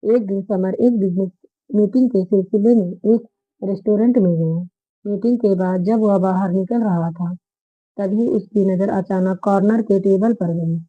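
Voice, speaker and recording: A woman storyteller reading a romance story aloud in a steady, even narration. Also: medium pitch, unhurried, no room sound. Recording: phone-like narrow band audio.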